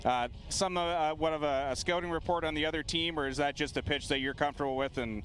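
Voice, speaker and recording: A man's voice: on the high side, fast talker, a bit bright, low-quality recording. A man working as a field-level sports reporter, doing a live post-game interview outdoors.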